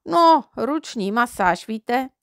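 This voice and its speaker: Woman reading a storybook rascal boy, slow folksy drawl, a bit higher than her own, dry close sound. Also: lively intonation, fairly bright tone, dry recording. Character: cheeky mischievous little boy, eager.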